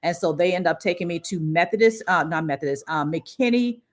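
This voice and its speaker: A woman's voice: on the low side, fairly quick. A middle-aged woman, the host of her own livestream, telling a personal story casually and acting out what people said. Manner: lively storyteller who acts out what people said. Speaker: livestream host and career coach.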